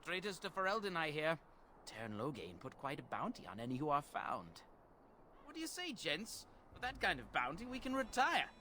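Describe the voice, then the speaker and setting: An actor playing a sly bandit leader who extorts travelers with a fake toll, sarcastic and scheming. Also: male voice, fairly high pitch, sing-song, moderate pace, pushed and bright, slight background noise. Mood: smug. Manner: sly, sarcastic, then groveling.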